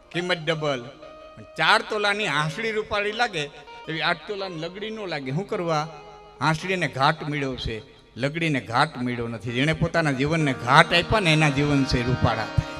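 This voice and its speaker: Man spinning folk tales on a live stage, high bright voice, repeats lines in a chant-like beat, faint music behind. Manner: rhythmic repetition, rising to loud declamations. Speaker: folk storyteller. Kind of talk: live folk dayro storytelling.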